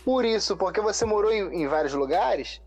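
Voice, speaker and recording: A man's voice: sits high, animated, moderate pace, a little mellow, faint music behind. A man with a Carioca accent hosting a podcast, chatting casually and easing into personal anecdotes. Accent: Carioca Portuguese. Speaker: podcast host.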